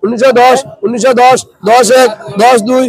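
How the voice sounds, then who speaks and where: Sylheti guy doing an auctioneer chant, really high voice, repeating prices over and over. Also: level tone, normal speed. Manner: repetitive, rhythmic calling out of bids. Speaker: fish market auctioneer. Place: fish wholesale market.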